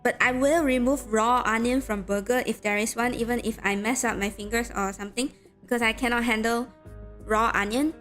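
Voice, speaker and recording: A woman's voice: fairly high pitch, steady tone, a little fast, fairly bright tone. A woman streaming a game, moving between reading narration aloud and casual chat with her viewers. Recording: background music behind voice. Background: game music.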